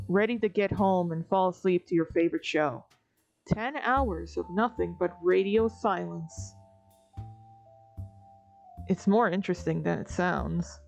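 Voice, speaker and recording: Over soft background music, a woman with a lowish voice narrates a comic dub in the second person. The sound is lo-fi, and her delivery is wry, weary and conversational.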